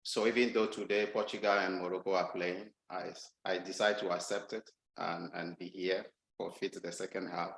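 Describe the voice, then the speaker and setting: A man from Ghana's Volta region gives a casual guest talk over a video call, speaking hesitantly with lots of ums and restarts. His voice is deep, with vocal fry and a slightly bright edge, in a roomy, low-quality recording.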